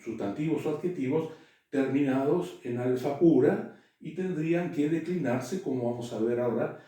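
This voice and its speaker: A man giving a classroom lecture, halting, with frequent "eh" and checks that students follow. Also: mid-range voice, dark tone. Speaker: teacher. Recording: echoey room, voice from far off.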